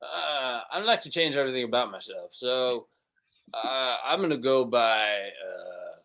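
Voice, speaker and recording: A male improv comedian playing a worn-out working man, with a bright, forceful tone. His lines come earnest and halting, stumbling over restarts as he plays the scene. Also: mid-range voice, lively intonation, creaky. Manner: earnest, halting character talk.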